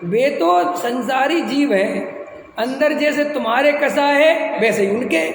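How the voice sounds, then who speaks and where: Man giving a sermon, very high voice, mocking tone, big echoey hall with faint hiss. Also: animated, slow pace. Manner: mocking, rhetorical questions, mimics others. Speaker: Jain spiritual teacher. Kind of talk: discourse lecture.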